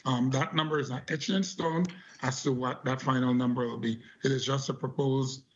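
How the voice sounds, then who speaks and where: A husky-voiced man giving measured answers as an elections board official at a government hearing. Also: mid-range voice, fairly even intonation, a little hiss or hum. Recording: dull lo-fi audio.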